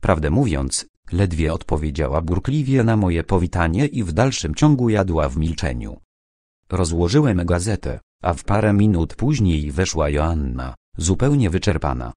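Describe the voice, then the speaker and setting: A man narrating an audiobook in a calm, measured way. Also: sits low, dry recording, studio quality.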